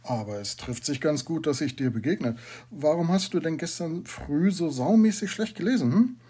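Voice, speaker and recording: A man voicing a brisk, gruffly kind middle-aged teacher with a husky voice. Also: a little high, expressive, voice pushed up. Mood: questioning. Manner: brisk and gruffly warm, emphatic.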